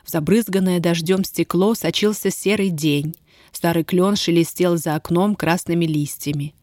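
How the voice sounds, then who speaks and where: A woman narrating a novel in a calm, measured storytelling voice. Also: on the low side, no echo, studio quality. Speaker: audiobook narrator. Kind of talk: scripted narration.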